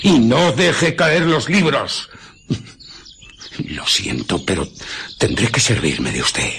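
An actor playing a menacing, domineering fugitive scientist who is invisible, speaking in threats and commands in a radio drama. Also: male voice, medium pitch, huge pitch swings, slow, creaky, a bit bright, a little hiss or hum, exaggerated voice. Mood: brooding.

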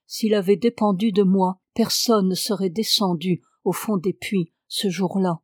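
Gentle, grave clairvoyant lord, read by a woman. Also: medium pitch, fairly even intonation, measured pace, dry recording, studio quality, close to an everyday voice. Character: calm, sorrowful clairvoyant English lord, adult man.

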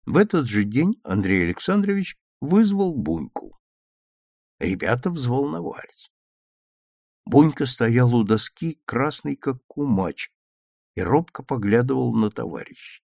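A man narrating a children's story aloud in an expressive, lively reading style. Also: medium pitch, unhurried, creaky, no echo, studio quality.

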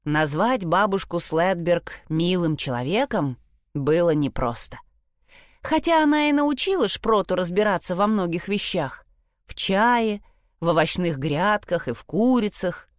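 Lively woman narrator, dry close mic, kids' audiobook. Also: lowish voice, measured pace, no echo. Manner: expressive storytelling. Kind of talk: scripted narration.

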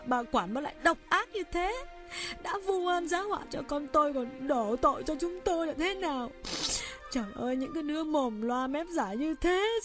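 A woman voicing a distraught village mother in an audiobook, crying as she talks and quick to scold. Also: high-pitched. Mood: tearful, bitter. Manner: pleading, then tearful and scolding. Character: distraught village mother, emotional and sharp-tongued. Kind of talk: audiobook character voice.

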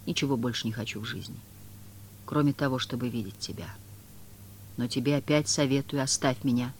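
A reader voicing a weary, resigned man who speaks softly and gently. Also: medium pitch, fairly quick, a little hiss or hum, close to an everyday voice. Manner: soft, resigned.

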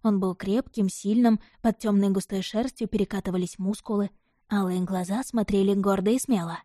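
A woman narrating a first-person audiobook in an even, measured storytelling manner. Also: mid-range voice, dry recording, studio quality.

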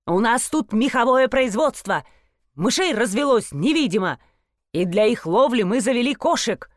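A woman's voice: a little high, expressive, normal speed, no room sound, studio quality, lightly acted. A woman voicing a fussy, scheming male fur-shop owner who snaps at staff and coos at clients. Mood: snapping. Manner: snapping, then oily and cooing.

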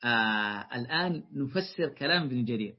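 Husky-voiced man teaching a text. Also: mid-range voice, animated, moderate pace. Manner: explains step by step and often checks that listeners follow; reads classical passages aloud, then explains them. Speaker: teacher commenting on a tafsir text. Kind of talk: classroom lecture on Quran interpretation. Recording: dull lo-fi lecture recording.

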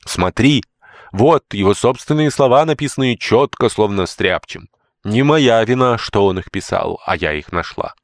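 Mrs Mountain, a man doing a shrill scolding old nanny. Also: moderate pace, no echo. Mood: aggrieved. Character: indignant, fussy older woman housekeeper and nanny.

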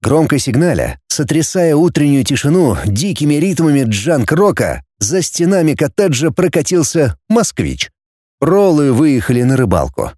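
A male narrator reads a story in a mellow, dark-toned voice with a very lively pitch. The recording is dry and close, with no room sound. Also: moderate pace, few pauses, dry recording. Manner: expressive reading. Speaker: audiobook narrator.

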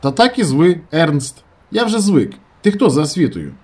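A man's voice: a little high, very animated, normal speed, darkish tone, breathy edge, voice pushed up. A man doing a pushy eccentric airfield mechanic. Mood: insistent.

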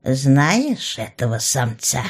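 A woman voicing a blunt, domineering old female goblin matriarch who talks slowly and curtly, with a grumbling edge. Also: very deep voice, big pitch swings, breathy edge, heavily acted. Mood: gruff. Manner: slow, curt, grumbling.

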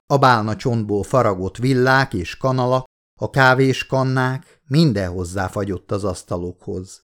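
A man narrating an audiobook in a measured, steady way. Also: medium pitch. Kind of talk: scripted narration.

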